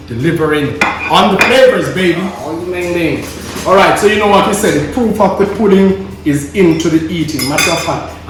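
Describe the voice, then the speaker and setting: A man with a Jamaican accent hosting a casual cooking demonstration in an exclamatory, savouring way, often repeating words for emphasis. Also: fairly high pitch. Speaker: cooking show host. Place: indoor kitchen. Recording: echoey room, music behind.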